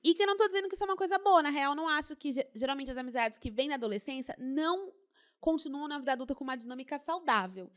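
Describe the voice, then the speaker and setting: A young woman chatting casually on a podcast, animated, laughing often and repeating words for emphasis. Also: high voice, very fast. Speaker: podcast co-host.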